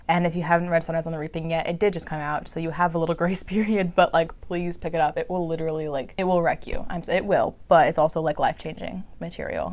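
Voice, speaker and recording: Casting: female book vlogger, slightly low voice, casual and chatty, emphatic and gushing, heavy on filler words. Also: a little mellow. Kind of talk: casual chat to camera, book review.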